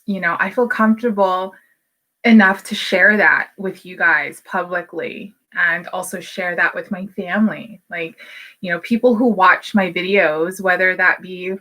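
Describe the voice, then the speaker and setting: Her voice is low and steady, with a sharp edge, and she keeps a measured pace. She's a business coach in her thirties from Hawaii, in the United States, talking candidly and casually to camera to motivate, with frequent fillers.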